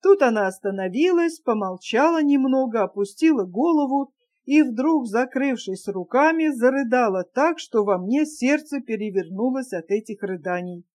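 Mellow-voiced woman reading a novel. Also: fairly high pitch, expressive, moderate pace. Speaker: narrator. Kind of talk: literary audiobook reading.

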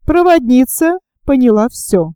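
A woman narrating an audiobook story in a calm, measured way. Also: high voice, smooth, no room sound. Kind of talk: scripted narration.

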